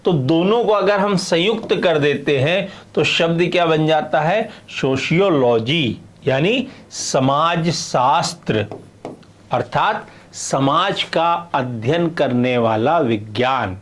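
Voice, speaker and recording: A man's voice: fairly high pitch, takes it slowly, few pauses. A middle-aged man teaching sociology in a video lecture, explaining step by step and checking often that students follow. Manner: explains with repeated checks like "है ना" and "clear है".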